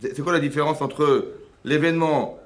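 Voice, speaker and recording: A man, a rabbi giving a lively religious lesson to a women's class, full of rhetorical questions and checks on whether his listeners follow. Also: a little high, normal speed. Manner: animated, rhetorical questions, frequent checks on understanding. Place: seminary classroom.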